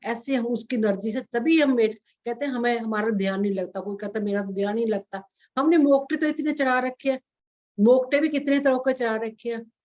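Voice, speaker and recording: A woman's voice: fairly high pitch, darkish tone. A woman teaching meditation in an earnest, repetitive way, mixing English words into her talk. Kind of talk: informal spiritual talk. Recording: dull lo-fi audio.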